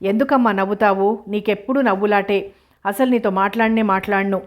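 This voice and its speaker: A woman's voice: mid-range voice, fairly even intonation, brisk, natural voice. A woman reading the lines of an innocent, sulky and bashful young woman in a storybook.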